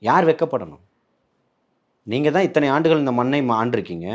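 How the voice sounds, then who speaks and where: A man's voice: mid-range voice, very animated, brisk. A man, speaking as a party spokesman in a heated political interview, combative and full of rhetorical questions.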